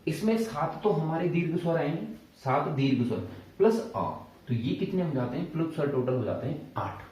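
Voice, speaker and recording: A man's voice: animated, moderate pace, darkish tone. A man teaching a Hindi grammar lesson at a board, explaining step by step, asking the class questions and answering them himself, and stretching out vowel sounds to demonstrate them. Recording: boomy room echo, distant and dull.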